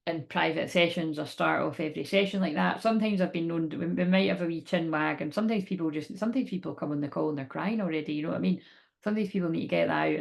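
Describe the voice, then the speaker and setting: A woman talks casually and informally, wandering from thought to thought. Her voice is on the low side for a woman, with a clearly creaky, gravelly edge. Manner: rambling, informal. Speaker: spiritual teacher. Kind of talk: casual chat to camera.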